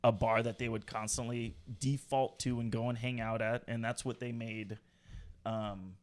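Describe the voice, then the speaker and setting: A man co-hosting a horror movie podcast, easygoing and quick to chime in agreeing. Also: mid-range voice, little pitch movement. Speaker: podcast co-host. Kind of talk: casual chat.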